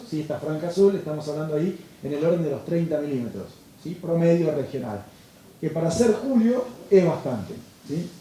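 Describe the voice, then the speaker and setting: Dark-voiced man lecturing in echoey hall. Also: on the high side. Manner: explanatory, checks in with frequent "¿sí?". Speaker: meteorologist giving a lecture. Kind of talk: lecture to farmers. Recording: echoey hall, distant mic.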